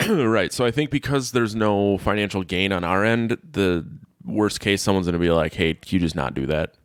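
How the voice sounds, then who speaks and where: Very deep-voiced man, relaxed co-host. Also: moderate pace, clear, resonant tone, no room sound, studio quality. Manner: relaxed, agreeable, trailing off mid-sentence. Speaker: podcast co-host. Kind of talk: casual chat.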